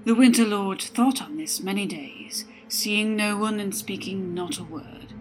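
A woman storyteller giving a scripted narration with a soft, dramatic delivery that often drops to a whisper. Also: medium pitch, a little slow, slight background noise, rough recording. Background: music.

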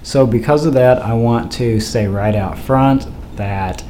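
This Idaho podcast host talks about faith in a loose, unsure way, dropping plenty of "uh"s as he goes. His voice is warm and mid-range, a little slow, and he seems to have a cold that's taking his voice away. Wind whispers faintly in the background.

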